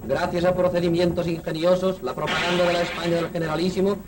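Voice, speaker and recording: A man's voice: sits high, level tone, quick pace, noisy background. A man reading formal, declamatory 1930s old newsreel commentary. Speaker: newsreel narrator. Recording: distant 1930s newsreel soundtrack with music.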